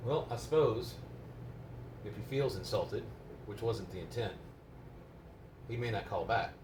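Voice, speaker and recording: A man with a lowish voice talks casually as a radio operator, rambling and explaining patiently. He sounds distant from the mic in an echoey room with clear background noise. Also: measured pace. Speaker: amateur GMRS radio operator. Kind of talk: casual, unscripted radio chat. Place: indoors at a home radio base. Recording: roomy, noisy, distant microphone.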